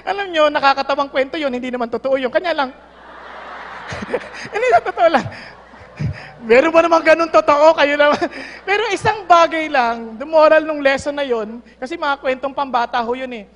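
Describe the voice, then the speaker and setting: A woman's voice: high-pitched, moderate pace, slight background noise. A woman preaching a sermon, mixing Tagalog and English, telling stories with laughter. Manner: mixes Tagalog and English, animated storytelling with laughs. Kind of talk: sermon with storytelling. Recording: reverberant hall.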